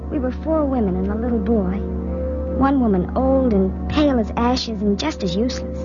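A woman's voice: fairly high pitch, lightly acted. An actress playing a frightened young girl in a radio drama, also narrating with earnest, pleading speech. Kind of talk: 1940s radio acting. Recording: muffled old radio recording with music.

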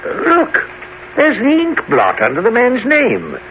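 An actor playing an anxious, easily alarmed prison governor in a radio costume drama, stammering and repeating himself. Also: male voice, extremely high pitch, huge pitch swings, slow, pushed and bright, heavily acted. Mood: doubtful. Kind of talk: audio costume drama acting. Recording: muffled, noisy old radio-style recording.

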